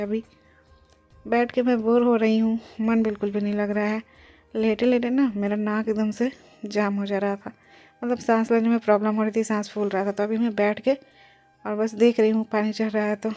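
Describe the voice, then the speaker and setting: A woman's voice: mid-range voice, mellow. A young pregnant woman near her delivery narrating her day in a chatty vlog, explaining things as she goes and mixing in English words. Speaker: vlogger.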